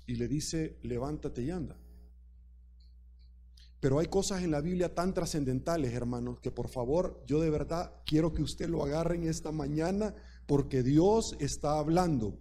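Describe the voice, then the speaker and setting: Man, preacher, sermon, emphatic and repetitive, fairly high pitch, mellow tone. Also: normal speed. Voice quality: emphatic and repetitive, addressing the congregation directly.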